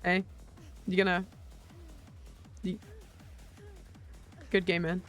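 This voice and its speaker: A man's voice: high-pitched, steady tone, moderate pace, a bit bright, soft background music. A man streaming a video game, chatting casually, joking, laughing often and swearing freely, tired after little sleep. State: tired after a long night.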